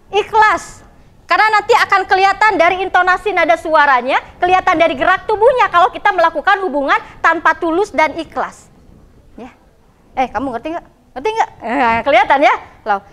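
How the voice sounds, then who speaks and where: High-voiced Indonesian teacher questioning class. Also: female voice, fairly bright tone. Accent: West Java. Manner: questions the class, frequent "ya" and "gitu". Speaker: vocational school teacher. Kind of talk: classroom lesson.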